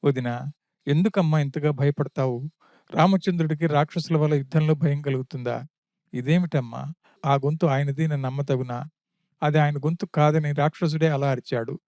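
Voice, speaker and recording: A man's voice: a little high, steady tone, normal speed, darkish tone, no echo, studio quality, close to an everyday voice. A man reading a loyal, wounded younger prince. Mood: pleading.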